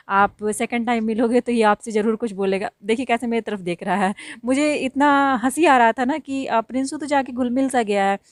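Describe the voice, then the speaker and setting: Woman vlogger, chatty narration, slightly high voice, dry close sound. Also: no echo. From India. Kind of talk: casual vlog narration. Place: village home.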